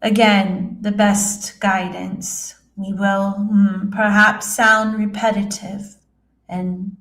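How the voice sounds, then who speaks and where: Seance medium woman as serene spirit guide: solemn, halting, drawn-out pacing, echoey room. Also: mid-range voice. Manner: halting, solemn, measured, with hums and long pauses. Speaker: trance channeler, seance medium. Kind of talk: trance channeling, addressing listeners as a spirit. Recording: roomy, echoing sound.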